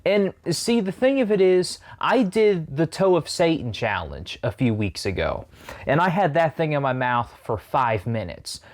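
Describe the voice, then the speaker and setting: A man's voice: a little high, sing-song, measured pace. A man talking casually to camera as a food challenge vlogger while eating sour candy.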